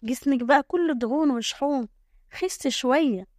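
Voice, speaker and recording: A woman's voice: sits high, moderate pace, a little mellow, dry recording, clean studio sound, close to an everyday voice. A woman voicing a worried middle-aged village mother with an Egyptian accent who pleads and scolds. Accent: Egyptian Arabic.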